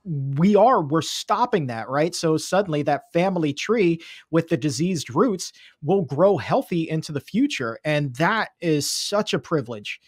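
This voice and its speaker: Podcast host guy in his 30s, kinda high voice, dry close mic, chatty and enthusiastic. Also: expressive, unhurried, hardly any pauses, husky, no room sound. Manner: enthusiastic, conversational, emphatic. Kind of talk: casual interview chat. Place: home studio room. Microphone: studio mic, video call.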